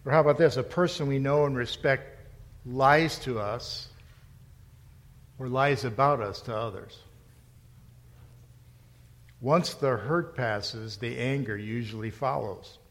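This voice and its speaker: A man's voice: mid-range voice, takes it slowly, long pauses. A middle-aged male pastor preaching a sermon in a conversational storytelling way, rising to emphatic points. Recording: long hall reverb.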